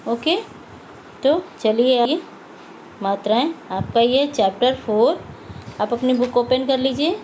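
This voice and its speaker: A woman's voice: fairly high pitch, slow, pauses often, a little mellow, a little hiss or hum, rough recording. A woman teaching a Hindi lesson to young children, patiently repeating words and asking and answering her own questions. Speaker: primary school Hindi teacher.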